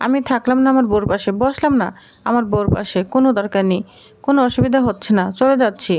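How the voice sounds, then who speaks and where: A teasing, mock-offended young husband from a serial recap, as a woman reads his lines. His complaints come quick and joking, in a fairly high voice. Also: a little mellow, lightly acted.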